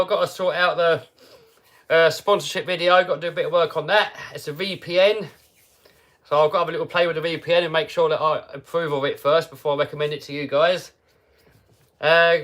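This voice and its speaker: A man whose voice sits high and fairly bright hosts a relaxed livestream. He chats comfortably, laughs often and reads viewer questions out loud.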